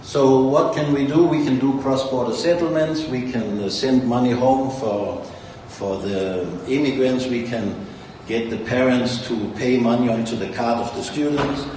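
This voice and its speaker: Speaking a little slowly with hardly any pauses, this Danish-accented founder has a medium-pitched, slightly mellow voice as he rambles and boasts at a conference. The echoey hall is captured by a distant mic, with faint ambience and a little hiss or hum.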